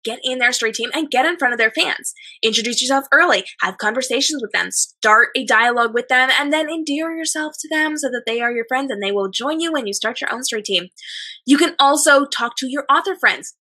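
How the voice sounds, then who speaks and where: A slightly hoarse woman hosting a chatty advice show, speaking emphatically and repeating phrases in lists. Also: high-pitched, lively intonation, a little fast, pushed and bright. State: slightly hoarse, losing her voice. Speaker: host of an advice show for authors. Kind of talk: chatty advice monologue to viewers.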